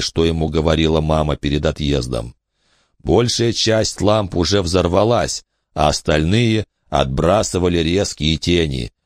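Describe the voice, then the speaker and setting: A man narrating an audiobook in an expressive, dramatic storytelling manner. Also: low-pitched, no room sound, clean studio sound. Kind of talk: scripted narration.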